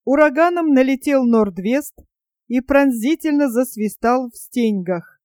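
An expressive narrator reading a story aloud dramatically. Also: high voice, unhurried, dry recording, studio quality.

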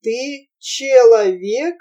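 A woman voicing a coarse, mocking old merchant father who talks slowly and loudly, recorded from a distance. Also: a little high, muffled recording. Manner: jeering, slow and loud.

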